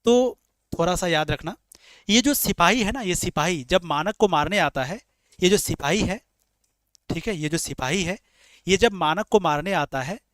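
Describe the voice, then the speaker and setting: Male tutor with a high voice for an exam-prep class, explains by repeating himself and answering his own questions. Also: animated, moderate pace, a bit bright, dry recording. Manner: repetitive, explains in rhetorical questions, calls students dear children. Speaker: teacher.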